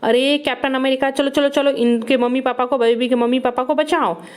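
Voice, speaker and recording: A woman narrating toy play for children in an excited, exclaiming way, cheering the toys on. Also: high-pitched, fairly quick, clean tone.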